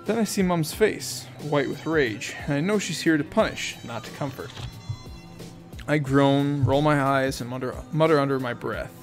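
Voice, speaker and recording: A man's voice: a little high, moderate pace, soft background music. A man reading a novel aloud in first person, in a casual amateur audiobook style with asides and self-corrections. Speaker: audiobook reader.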